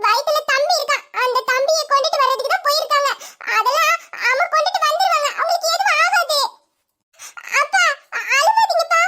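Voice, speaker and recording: A woman's voice: very high-pitched, pushed and bright. An actress voicing a young daughter who tearfully reassures her crying father. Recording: background noise.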